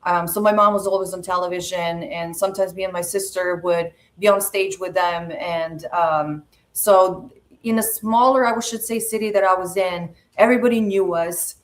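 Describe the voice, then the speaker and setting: A woman in her forties from Serbia, a podcast guest telling her life story in a measured, reflective way with frequent pauses. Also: fairly low pitch, steady tone. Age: 40s. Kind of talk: personal storytelling interview.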